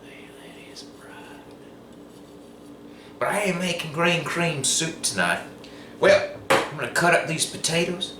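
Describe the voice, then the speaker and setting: A man's voice: on the high side, a little slow, long pauses. A man telling a rambling tall tale in a folksy, meandering way while he cooks, at times dropping to a whisper. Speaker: host cooking on camera. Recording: roomy, distant, noisy ambience.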